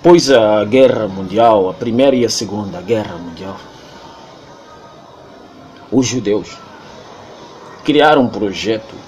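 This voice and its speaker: A man's voice: fairly low pitch, slow pace, pauses often, darkish tone. Emphatic Angolan man lecturing. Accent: Angolan Portuguese. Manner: emphatic and lecturing, with much repetition. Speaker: interviewee. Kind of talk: impassioned monologue.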